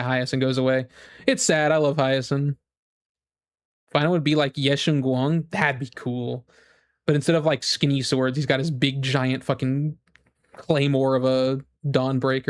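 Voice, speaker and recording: In a clean studio recording with no echo, a man with a mid-range voice chats casually as a gaming streamer. He rambles enthusiastically with his viewers, reacting and thinking aloud through false starts.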